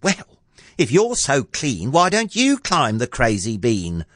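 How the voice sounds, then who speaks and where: A man voicing an excitable, cheeky little boy from a fairy tale, with an eager, squealing manner. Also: medium pitch, takes it slowly, no echo, studio quality, heavily acted.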